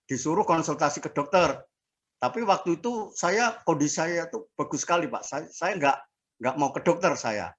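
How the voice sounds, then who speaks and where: A man in his sixties giving a casual personal testimony as an interviewee, speaking haltingly with fillers and restarts. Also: fairly high pitch, animated. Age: 60s. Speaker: interviewee sharing a health testimony.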